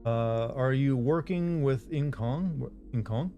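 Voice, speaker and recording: Slow and dark-toned, the medium-pitched voice belongs to a regular-guy game streamer. He works through viewer messages in a casual live-stream chat, rambling and joking self-deprecatingly, with quiet music under him.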